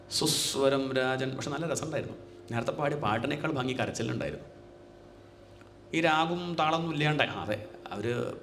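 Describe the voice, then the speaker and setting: A man's voice: medium pitch, a bit bright, slight background noise. A middle-aged man giving a devotional scripture discourse, talking conversationally and putting rhetorical questions to his listeners. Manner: chants verses in a slow sing-song. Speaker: spiritual teacher.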